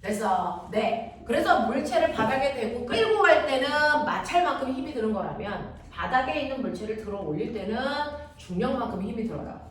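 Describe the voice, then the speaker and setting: A woman teaching a physics class, constantly checking that students follow with quick questions. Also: fairly high pitch, lively intonation. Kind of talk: classroom lecture. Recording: very echoey room, distant mic, audible noise.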